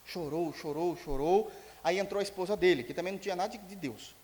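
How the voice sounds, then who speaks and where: A Brazilian man preaching a sermon as pastor, telling a story in an animated way and acting out its dialogue. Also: high voice, fairly quick. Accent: Brazilian Portuguese. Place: church sanctuary. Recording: long church hall reverb.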